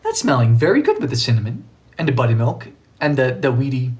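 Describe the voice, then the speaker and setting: Animated joking man hosting a baking stream. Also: mid-range voice, fast, a little hiss or hum. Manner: playful, joking, laughs often. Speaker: live-stream baking host. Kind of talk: casual live-stream chat, reading viewer comments. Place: home kitchen.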